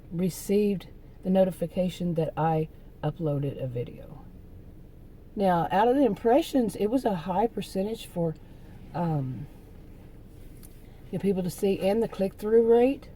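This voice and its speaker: A woman talks to camera in a loose, rambling vlog monologue, often losing her thread and trailing off. Her soothing voice sits a little low and sounds very mellow and dark. Faint ambience hums in the background. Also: a little hiss or hum, rough recording. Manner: rambling, easily distracted, trailing off. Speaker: YouTuber.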